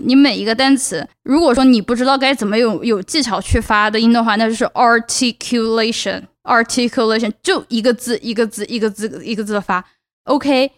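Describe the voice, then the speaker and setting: Earnest young Chinese woman, fairly high voice. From China (Chongqing). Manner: earnest, advice-giving, stresses words by repeating them. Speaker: podcast host. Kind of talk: casual solo podcast talk.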